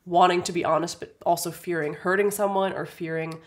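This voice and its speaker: A young woman co-hosting a podcast, chatting loosely and leaning on "like" and "um" as she goes. Her voice sits a little low for a woman, and the talk is relaxed and conversational. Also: brisk. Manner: chatty, full of "like" and "um". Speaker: podcast co-host. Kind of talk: casual chat.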